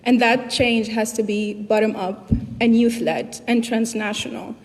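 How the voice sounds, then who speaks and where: Speaking directly to her audience, a young Tunisian keynote speaker with a Tunisian accent gives a motivational talk at a youth summit. Her voice is fairly high, a little mellow, steady in tone, and unhurried. The echoey hall adds long reverb and background noise.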